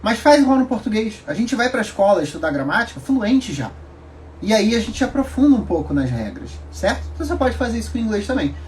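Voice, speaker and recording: A man explaining grammar in a casual video lesson, chatty and animated, with quick asides. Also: sits high, a little hiss or hum. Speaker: English teacher.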